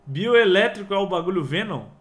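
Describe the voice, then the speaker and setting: A man's voice: sits high, lively intonation, normal speed. A young man with a Brazilian Portuguese accent playing and commenting a video game casually, with slang and swearing, on a headset in a small room. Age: young adult. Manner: casual, slangy, swears, mumbles while reading. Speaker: gaming youtuber. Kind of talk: let's play commentary.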